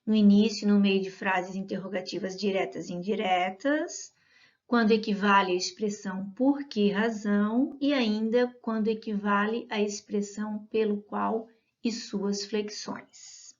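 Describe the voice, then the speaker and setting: A woman's voice: mid-range voice, fairly even intonation, unhurried. A woman gives a patient grammar lesson and keeps checking that her students follow. Her voice sits in a middle range. The audio is a little dull and lo-fi. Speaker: Portuguese teacher.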